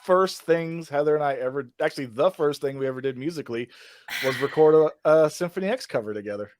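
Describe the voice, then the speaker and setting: A man's voice: fairly high pitch, quick pace, a little mellow, no room sound. A man who plays in a metal band, chatting as a podcast guest, rambling and teasing a little. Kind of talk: casual chat.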